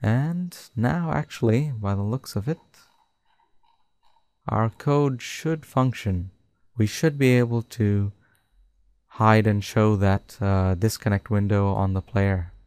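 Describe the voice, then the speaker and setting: A man narrating a screen-recorded coding tutorial, dictating code slowly and step by step. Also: lowish voice, a little mellow, clear, resonant tone, dry recording. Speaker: tutorial host.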